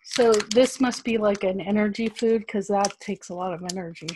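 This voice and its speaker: A woman's voice: medium pitch, normal speed, noisy background. A woman co-hosting a podcast over a video call, chatting casually with a wry, curious manner. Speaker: podcast co-host. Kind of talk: casual chat.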